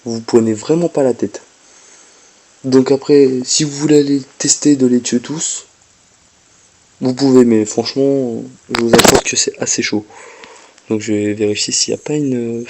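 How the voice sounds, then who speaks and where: A man casually commenting on his game as he plays, explaining each step to viewers and talking to the game, a little ill. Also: medium pitch. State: slightly ill, coughing. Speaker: gameplay commentator. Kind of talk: casual gameplay walkthrough commentary.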